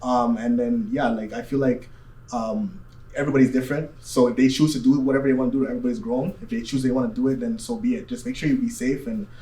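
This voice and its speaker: A young man talks quickly and casually on a panel, circling back with hesitant, repeated phrases. The room is echoey and he is a little off the mic. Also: mid-range voice, fairly even intonation, warm tone. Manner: hesitant, roundabout, repetitive phrasing. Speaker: panel guest. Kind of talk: casual discussion. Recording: echoey room, distant mic, faint noise.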